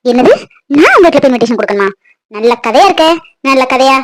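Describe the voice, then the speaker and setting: A woman's voice: high voice, sing-song. A woman playing a haughty, snobbish mother-in-law. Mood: scornful. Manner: dismissive, scolding, fast-talking. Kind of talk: family drama skit.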